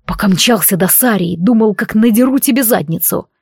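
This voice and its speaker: A woman voicing a passionate, possessive male warrior lover who speaks in a low, commanding growl. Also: a little fast, vocal fry, darkish tone, breathy edge, dry recording, clean studio sound.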